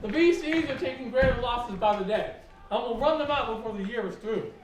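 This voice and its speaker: A young actor plays a gruff, indignant, conservative middle-aged American father and husband in a one-act stage play. His voice is high-pitched and fairly quick as he rants declamatorily. It's an echoey stage recording from a distant mic, with a noisy background.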